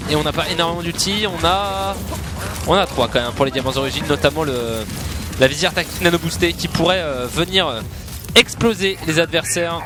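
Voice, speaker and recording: A man commentating a video game match live, calling fights like an excited announcer and repeating player names. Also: a little high, a little fast, over music. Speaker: esports commentator.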